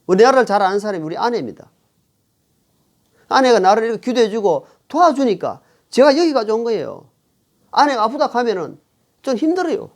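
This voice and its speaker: A man's voice: extremely high pitch, big pitch swings, fairly quick, pauses often. A middle-aged male pastor preaching a sermon, reading scripture aloud and repeating phrases for emphasis. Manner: reads scripture aloud to the congregation.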